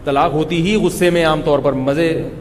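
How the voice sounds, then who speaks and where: A man's voice: fairly high pitch, steady tone, long reverb tail, slight background noise. A man giving a religious lecture in a conversational, joking storytelling way. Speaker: Islamic scholar giving a talk.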